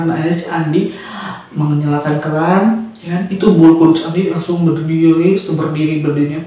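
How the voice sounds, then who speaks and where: A man's voice: a little high, mellow, far from the mic. A man casually telling a horror story. He is chatty and keeps checking in with his listeners. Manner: chatty, keeps asking "ya kan?" and addressing "guys". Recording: very echoey room, voice from afar.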